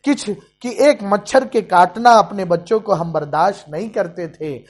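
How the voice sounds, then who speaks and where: A man preacher voicing an aging father who pleads sorrowfully with his wayward only son, in a sermon story. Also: high voice. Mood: sorrowful pleading.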